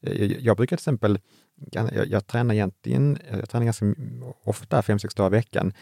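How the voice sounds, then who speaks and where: A man talking about running and health as an author guest in a relaxed, reflective way, often restarting his sentences. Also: lowish voice, gravelly, no echo, clean studio sound. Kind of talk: casual conversation.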